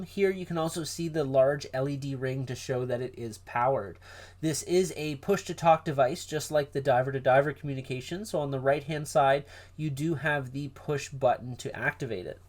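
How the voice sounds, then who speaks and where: A man hosting a product unboxing, explaining gear directly to viewers in a presenter's style. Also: on the high side. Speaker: host of a diving gear review channel.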